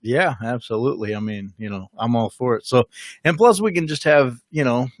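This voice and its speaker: An easygoing man in his forties talks agreeably on a home livestream, with a middle pitch and frequent ums. The sound is close and dry, with no audible room. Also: no echo. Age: 40s. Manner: easygoing, agreeable, halting with fillers. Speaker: ministry co-host who prays for viewers. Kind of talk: casual livestream chat.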